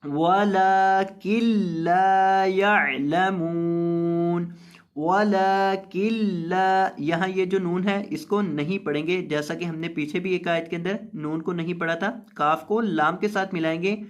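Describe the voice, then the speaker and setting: Teacher alternating quick explanation with chant. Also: male voice, on the high side, fairly even intonation, muffled recording. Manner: explains quickly, then draws out words slowly; melodic chanted recitation. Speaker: Quran teacher. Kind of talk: word-by-word recitation lesson.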